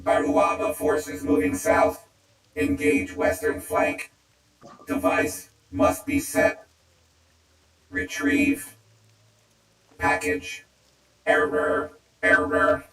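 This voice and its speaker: A man's voice: high-pitched, big pitch swings, very slow, gravelly, long pauses, a bit bright, pitched above the performer's own voice, heavily acted. A man voicing a broken old male war robot through a glitching robot voice filter, giving clipped reports and repeating errors. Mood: mechanical. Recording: echoey, distant, with music behind.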